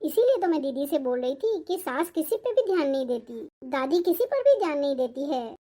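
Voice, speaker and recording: Cartoon daughter-in-law, courteous but insistent, high and mellow. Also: female voice, big pitch swings, a little fast. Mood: complaining. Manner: respectful yet persistent, explaining her grievance. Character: young Indian daughter-in-law, polite but pointed. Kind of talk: cartoon voice acting.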